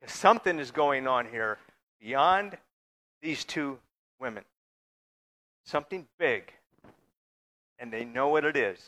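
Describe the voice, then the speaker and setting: A man's voice: medium pitch, lively intonation, slow, pauses often, sharp tone. A man preaching a conversational sermon in church, sometimes joking with the congregation. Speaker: pastor.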